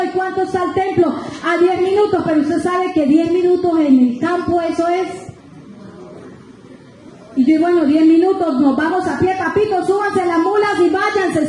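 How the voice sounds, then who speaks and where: High-voiced woman preaching in an echoing church. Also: slight background noise. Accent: Colombian Spanish. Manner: animated storytelling, addresses congregation as brothers. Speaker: guest preacher. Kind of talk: sermon testimony. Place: large church sanctuary. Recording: very echoey church hall.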